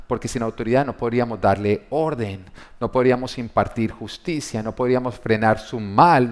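A pastor preaching a sermon, an emphatic man who asks his congregation rhetorical questions. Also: medium pitch. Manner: emphatic, swelling louder on key points.

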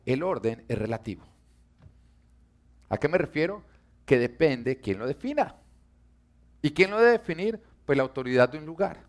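A man preaching a sermon and telling humorous stories, speaking directly to his audience in a playful, animated way. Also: on the high side.

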